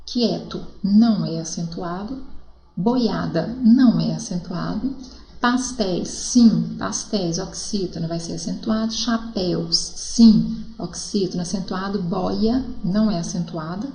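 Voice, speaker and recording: A woman's voice: on the low side, a little slow, a little mellow, reverberant, rough recording. A woman teacher with a Brazilian Portuguese accent, explaining a lesson step by step and checking in with her students often. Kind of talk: classroom lesson.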